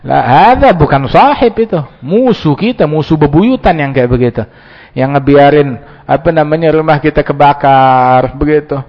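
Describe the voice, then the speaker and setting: A man preaching an Islamic sermon. He tells it as an animated story, acts out the dialogues, and mixes Arabic quotations with slang. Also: fairly high pitch, moderate pace. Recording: dull lo-fi sound with long hall reverb.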